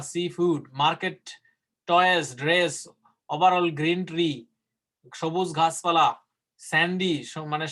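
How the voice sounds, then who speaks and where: Man, fairly high voice, online lecture, explanatory. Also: fairly bright tone. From Bangladesh. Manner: explains in Bengali, slowing down to model English sample answers. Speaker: IELTS teacher.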